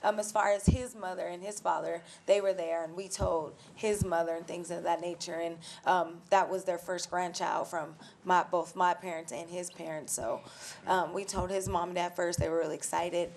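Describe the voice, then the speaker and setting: A woman in her twenties from Denver, answering interview questions hesitantly with many pauses. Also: lowish voice, little pitch movement, vocal fry, a little hiss or hum. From Denver, Colorado. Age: 20s. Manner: hesitant, many ums, soft-spoken. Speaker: guest.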